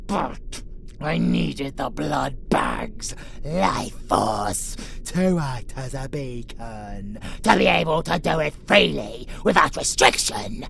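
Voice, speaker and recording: Using a full character voice at medium pitch, a man plays a menacing vampire abomination with a gravelly growl in a monster audio roleplay. The monologue is a dramatic villain's: theatrical, taunting and foul-mouthed, moving from whispers to shouts. The creature is sadistic but grudgingly fond of its victim.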